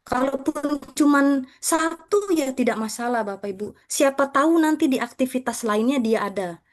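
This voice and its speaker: In a high voice at a moderate pace, a female teacher presents material to her fellow educators. The style is conversational and respectful, with frequent respectful forms of address toward the listeners.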